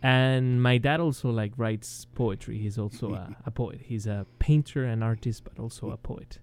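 A man's voice: medium pitch, steady tone, moderate pace. A man from Chile with a Chilean Spanish accent, a guest speaking English as a second language in an interview over a video call, with many ums and restarts. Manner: hesitant, many ums and restarts, chuckles softly. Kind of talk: interview, casual chat.

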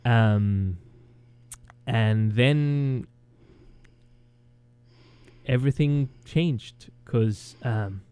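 Slow, hesitant Chilean-accented man. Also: mid-range voice, clean tone, no echo. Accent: Chilean Spanish. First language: Spanish. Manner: hesitant, many ums and restarts, chuckles softly. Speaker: guest. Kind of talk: interview, casual chat.

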